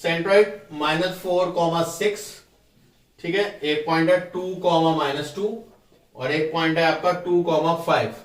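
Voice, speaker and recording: A man teaching a school math lesson, explaining step by step and quizzing his students with quick questions. He reads terms. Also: fairly high pitch, steady tone, reverberant, distant mic.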